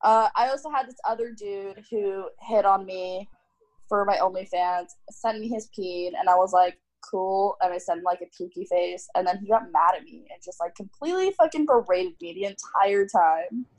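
A woman's voice: medium pitch, moderate pace, poor audio. A young woman casually telling stories on a podcast, blunt and full of swearing. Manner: blunt storytelling, heavy swearing. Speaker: podcast co-host. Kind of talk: casual chat.

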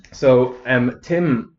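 A man's voice: mid-range voice, a little mellow. A man hosting a podcast in casual chat, telling stories with stammering restarts and frequent laughter. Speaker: podcast host. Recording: echoey, dull lo-fi room.

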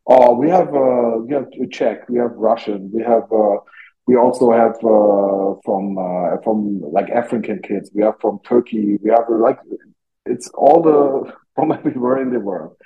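Heard over a phone line, this mid-range male voice moves a little slowly. He's a youth hockey coach from Germany, not a native English speaker, and he gropes for words while giving casual interview answers in a German-accented English.

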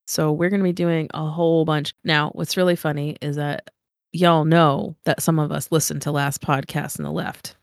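A congested woman with a deep voice hosts a podcast, chatting casually and often swearing and laughing. The sound is clean studio quality with no echo.

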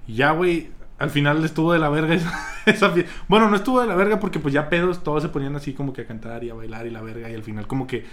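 A young man with a Mexican Spanish accent recounts a story to his friends, swearing freely and acting out the scenes. His voice sits a little high for a man, and he keeps a loose, chatty delivery throughout. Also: fast talker. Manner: vulgar slang-heavy, animated retelling with laughs. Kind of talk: casual storytelling among friends.

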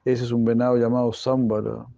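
A man's voice: mid-range voice, little pitch movement, a little fast, vocal fry, warm tone, dry recording, dull audio, lightly acted. A man voicing a patient mother explaining animal names to her child.

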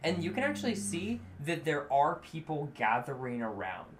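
A young game master describes the scene in a casual, rambling way, full of fillers. The voice sits at a middling pitch. Faint background noise runs under the recording. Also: big pitch swings, moderate pace. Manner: casual, filler-heavy narration. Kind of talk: narrating a tabletop game.

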